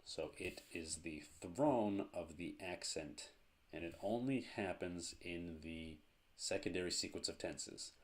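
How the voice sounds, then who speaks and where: A man teaching a language lesson, explaining grammar step by step in a slow, methodical way. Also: deep voice.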